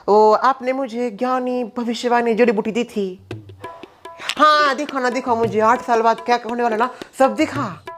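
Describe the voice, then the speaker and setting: A man's voice: very high voice, a bit bright. A man playing a naive, chatty young daughter-in-law in a comedy sketch.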